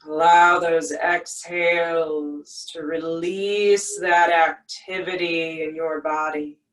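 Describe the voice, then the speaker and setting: A meditation guide speaking in a soothing yoga-teacher manner, leaving long pauses between short, gentle phrases. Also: mid-range voice, flat delivery. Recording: echoey room, distant from mic.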